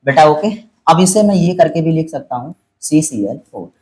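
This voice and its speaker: A patient male chemistry teacher explaining step by step, with a voice of ordinary pitch for a man. He repeats each point, spells out formulas slowly, and keeps asking his students whether they have understood. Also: lively intonation, mellow, poor audio. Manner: patient and repetitive, calls students "beta" and checks their understanding. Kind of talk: classroom lesson explanation.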